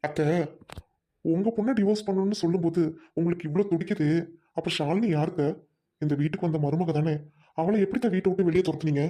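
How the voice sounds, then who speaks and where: A man's voice: fairly high pitch, fast, long pauses, close to an everyday voice. A man playing a firm, unmoved husband in a family drama skit. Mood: cold. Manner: flat, firm, matter-of-fact.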